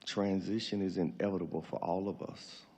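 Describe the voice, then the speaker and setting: A middle-aged man with a husky, gravelly voice giving an emotional, tearful farewell speech as a grieving father, halting as he goes. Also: deep voice, steady tone, a little mellow.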